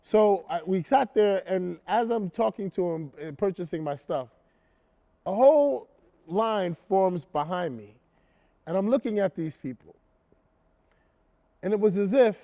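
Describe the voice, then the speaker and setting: A stage actor with a high, bright voice plays an indignant man recounting his story in a theatrical monologue, animated and emphatic, repeating himself for effect. He can also switch into a brash, sarcastic talk show host. The sound is lo-fi.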